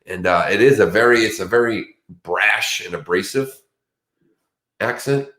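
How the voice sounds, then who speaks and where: Fairly low in pitch, unhurried, with a pushed and bright sound, this Boston-area man co-hosts a true crime stream. He's sleepy, rambling and casual, meandering through his chatter and restarting often. The room gives his voice a noticeable echo.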